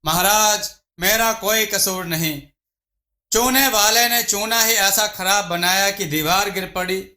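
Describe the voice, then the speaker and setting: A man's voice: high-pitched, slow pace, bright, forceful tone, full character voice. A man voicing a humble builder who defends himself, in an echoey room. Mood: defensive. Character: humble builder shifting the blame.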